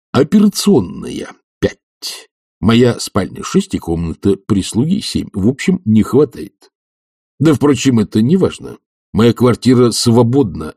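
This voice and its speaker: A man's voice: lowish voice, dark tone, breathy edge, dry recording, studio quality, voice pushed up, full character voice. A man voicing an imperious older male professor who speaks in a stern, lecturing, cutting way.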